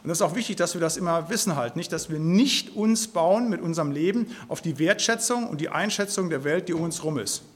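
High-voiced man teaching the Bible. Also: fairly quick, hardly any pauses. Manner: speaks in a loose spoken style, tags sentences with "halt, nicht?"; earnest, emphatic. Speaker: preacher.

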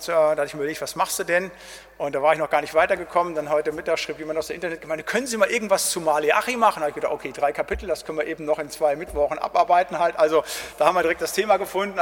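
Pastor with a raised voice in a reverberant hall. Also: male voice, fairly high pitch. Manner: casual, with tag questions "ne?" and "halt". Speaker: pastor teaching a Bible study. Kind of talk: spoken Bible study talk.

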